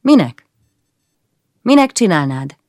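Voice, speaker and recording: A woman's voice: fairly low pitch, sing-song, a little mellow, dry recording, clean studio sound. A woman reading aloud and voicing a weary, irritable middle-aged husband who answers curtly. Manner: curt, weary, withdrawn.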